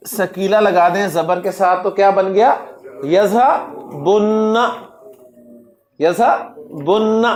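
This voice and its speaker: A man teaching Arabic grammar in a classroom lecture. He drills word forms slowly and keeps quizzing his students. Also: sits high. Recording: echoey classroom recording.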